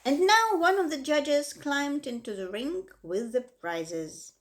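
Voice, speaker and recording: A woman reading a children's book aloud with expressive, dramatic emphasis. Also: sits high, slow pace. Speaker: reader. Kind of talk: storybook read-aloud.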